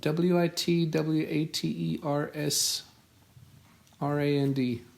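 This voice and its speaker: A man's voice: fairly high pitch, level tone, takes it slowly, creaky, a little mellow. A South African man in his forties, answering interview questions carefully and spelling words out. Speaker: podcast host being interviewed by his daughter.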